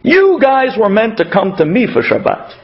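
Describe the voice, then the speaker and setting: A man with a Brooklyn accent voicing an excited, generous male neighbor in a sermon story, exclaiming effusively. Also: sits high, normal speed, voice pushed up, full character voice. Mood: excited, eager. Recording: dull, muffled lo-fi audio.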